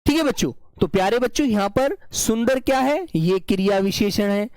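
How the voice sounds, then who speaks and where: A man teaching an online grammar lesson, slowly dictating example sentences, repeating phrases and checking that his students follow. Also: sits high, animated, a little mellow, smooth, no room sound, clean studio sound. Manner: repeats phrases and keeps checking the class understands.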